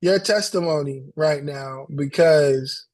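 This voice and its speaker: High-voiced, slow-talking motivational man. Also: darkish tone, no echo. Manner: emotional, halting, repeats words, choked up reading a testimony. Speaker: host of a coaching call. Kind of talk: motivational coaching talk.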